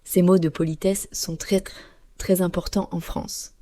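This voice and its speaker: A woman co-hosting a learners' podcast, speaking clearly and slowly like a teacher. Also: on the low side, level tone, dark tone. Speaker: podcast co-host. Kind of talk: scripted podcast dialogue for learners.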